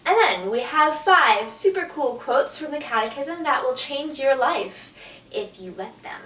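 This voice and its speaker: A young woman with a slightly high voice co-hosts a casual scripted video, bubbly and enthusiastic. The recording is roomy and echoey. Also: lively intonation, unhurried, bright, forceful tone. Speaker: co-host. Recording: echoey room, mic at a distance.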